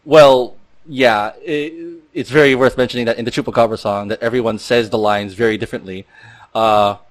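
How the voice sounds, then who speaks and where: Podcast host, male, mid-pitched, casual and rambling, full of fillers and restarts. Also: fairly even intonation, normal speed. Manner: rambling, loose delivery with many fillers and restarts.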